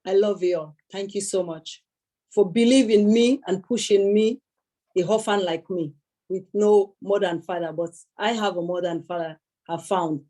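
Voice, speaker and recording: A woman's voice: mid-range voice, moderate pace, mellow. A young woman giving an earnest public speech at a celebration, emphatic, repeating her key words and thanking many people. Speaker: speaker at a celebration event.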